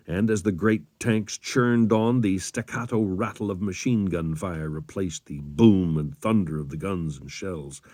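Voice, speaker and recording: A man reading a wartime memoir aloud as an audiobook, with measured, dramatic storytelling. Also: deep voice, mellow, dry recording, clean studio sound. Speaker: audiobook reader.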